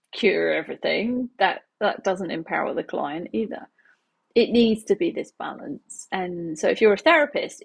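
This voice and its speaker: A woman's voice: fairly high pitch, vocal fry, breathy edge. A woman in her thirties, a healing practitioner, talking casually to camera from her living room, chatty and laughing often. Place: small home living room, indoors.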